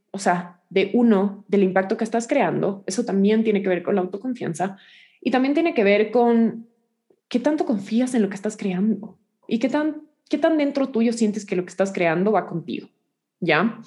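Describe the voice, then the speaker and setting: A woman's voice: mid-range voice, a little mellow. A young woman with a slightly nasal voice, teaching a recorded class on social media in a casual, direct way, often checking in with her listeners. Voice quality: a little nasal.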